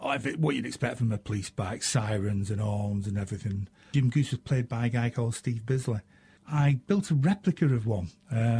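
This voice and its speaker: Middle-aged northern English male radio host, slightly husky, relaxed and chatty, fills pauses with ums. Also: mid-range voice. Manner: chatty, self-mocking, frequent ums and uhs. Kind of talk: casual radio chat answering listener questions.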